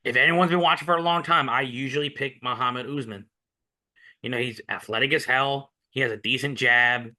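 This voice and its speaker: A man's voice: medium pitch, fairly even intonation, fairly quick, pushed and bright. A man co-hosting a sports betting podcast, talking in a rambling, opinionated casual way. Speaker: podcast co-host.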